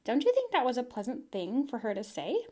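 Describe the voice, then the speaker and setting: An eager, chatty young farm girl from a storybook, read by a woman. She bubbles on about the animals in a higher-than-usual voice, lively and bright in pitch. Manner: eager, rushing on with her story.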